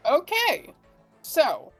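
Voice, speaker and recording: A woman's voice: high-pitched, very animated, drawn-out words, soft background music, poor audio. A woman running a tabletop role-playing game, thinking aloud and rephrasing as she describes things. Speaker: game master.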